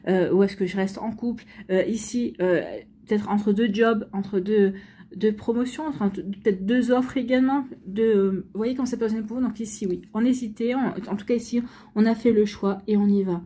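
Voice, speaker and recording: A woman's voice: medium pitch, steady tone, normal speed, mellow. A woman giving a chatty weekly tarot reading for star signs, full of fillers, restarts and repeated phrases. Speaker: tarot reader. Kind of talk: weekly astrology card reading.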